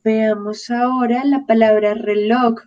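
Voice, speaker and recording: Woman, Spanish teacher, fairly high voice, slow and patient, clear careful pronunciation, dull lo-fi audio. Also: level tone, warm tone. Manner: slow, patient, clearly articulating each word. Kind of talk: online language lesson.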